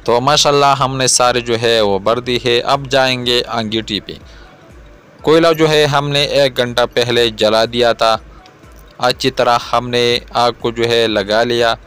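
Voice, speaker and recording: A man in his thirties from Pakistan, hosting a cooking video and calmly explaining each step to viewers outdoors. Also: medium pitch, unhurried, clean tone, soft background music. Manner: calm, repetitive explaining, addresses viewers directly. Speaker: cooking channel host. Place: outdoors in a garden yard.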